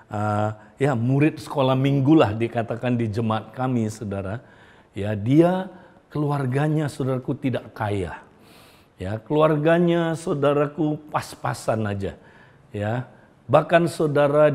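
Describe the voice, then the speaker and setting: A man's voice: mid-range voice, a little mellow. A man preaching a storytelling sermon to an online congregation, repeatedly addressing them as brothers and sisters and letting his voice fall at the ends of phrases. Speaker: pastor.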